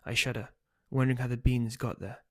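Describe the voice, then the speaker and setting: A man, the book's author, reading his first chapter aloud in a steady storytelling voice. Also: mid-range voice, fairly quick. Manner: steady storytelling, loose and hesitant when speaking offhand.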